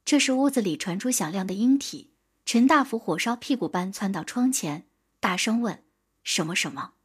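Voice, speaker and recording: A woman narrating an audiobook in a steady, measured storytelling manner. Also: a little high, breathy edge.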